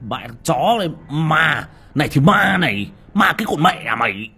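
A man's voice: a little high, big pitch swings, moderate pace, voice pushed up, full character voice. A man doing a cursing, hot-tempered young brute. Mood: furious. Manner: cursing, shouting roughly.

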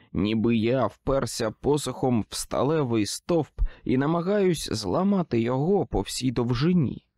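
Lively dramatic male audiobook narrator. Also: medium pitch, no room sound, studio quality. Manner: expressive, dramatic storytelling. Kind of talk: first-person audiobook narration.

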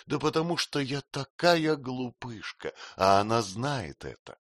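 A pouting, childish young wife, as a male reader puts her on, pitched well above his own low voice. She pleads and complains plaintively, her lines rising and falling a lot. The recording is dry and close. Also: sing-song, unhurried, fairly bright tone, no echo. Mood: pleading. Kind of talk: audiobook character reading.

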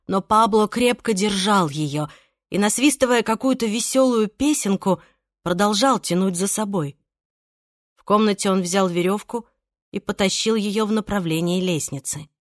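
A woman narrating an audiobook in a steady, measured way. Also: mid-range voice, dry recording, clean studio sound. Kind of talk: scripted narration.

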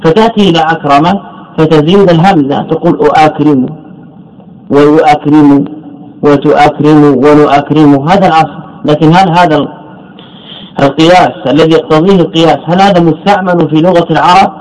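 A man's voice: a little high, steady tone, fast talker, darkish tone, rough recording. A man teaching as a sheikh in a lecture, asking the class questions, answering them himself and repeating key words. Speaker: sheikh teaching Arabic morphology. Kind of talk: classroom lecture, explaining a text.

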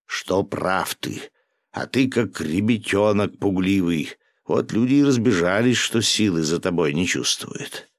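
Man doing a gruff, domineering old-time governor. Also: low-pitched, expressive, a little slow, no room sound, clean studio sound. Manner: gruff, barking, commanding.

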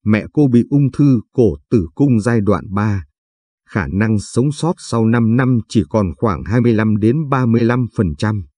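A man's voice: on the low side, a little slow, mellow, slightly rough, no room sound, studio quality. A man voicing a middle-aged male doctor who speaks bluntly and sternly.

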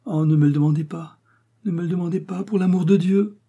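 A man's voice: mid-range voice, normal speed, dark tone, husky, highs cut off, lightly acted. A man reading an audiobook, voicing an anxious, tender older woman innkeeper in a fretful, pleading tone.

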